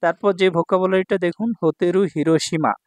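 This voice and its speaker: Male language teacher, patient and explanatory, a bit high-pitched, dead dry sound. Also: fairly even intonation, fast, no room sound. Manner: explains patiently, checks in with "ঠিক আছে ভাই?". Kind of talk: vocabulary lesson explanation.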